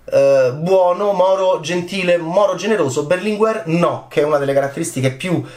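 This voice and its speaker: A man, a film critic, giving casual commentary on an awards night, rambling and enthusiastic, moving from soft asides to excited high bursts. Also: normal speed, roomy sound.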